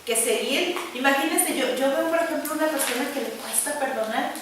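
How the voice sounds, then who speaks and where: A woman's voice: high voice, fairly quick. A woman preaching a sermon to a church gathering, earnest and conversational, often checking that her listeners agree. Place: church hall. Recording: distant mic in an echoey church hall with faint noise.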